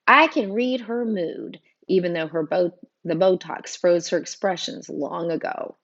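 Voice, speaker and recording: A woman narrating a first-person audiobook in an expressive, emotional way, voicing every character. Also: fairly low pitch, measured pace, muffled recording.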